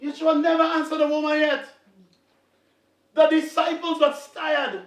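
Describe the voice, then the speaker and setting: A man preaching a fervent sermon to a congregation, swinging between quiet talk and shouting. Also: extremely high pitch, level tone, unhurried. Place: congregation hall. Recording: echoey hall, distant mic.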